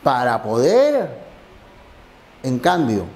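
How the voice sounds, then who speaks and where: A man's voice: medium pitch, huge pitch swings, drawn-out words, darkish tone. A man teaching a language lesson, explaining exam answers step by step.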